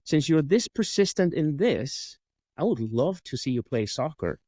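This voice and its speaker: Icelandic man telling lively stories. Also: fairly high pitch, a little slow, husky, dry recording. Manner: animated storyteller acting out dialogue. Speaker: guest, coach and sales trainer. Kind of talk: storytelling interview.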